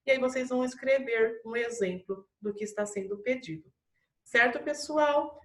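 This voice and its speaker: A woman's voice: on the high side, moderate pace, fairly bright tone. Patient woman teacher in an echoey room. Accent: Brazilian Portuguese. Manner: patient, explains step by step to young pupils. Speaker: primary school teacher. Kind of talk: recorded online class for children. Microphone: camera mic.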